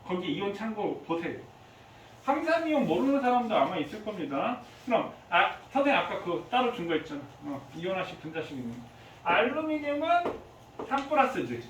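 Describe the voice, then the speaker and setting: Male chemistry teacher, very high and lively voice, heard from across an echoey room. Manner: lively, quizzing students with frequent questions. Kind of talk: classroom lecture. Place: classroom. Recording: echoey classroom from far off, faint hiss.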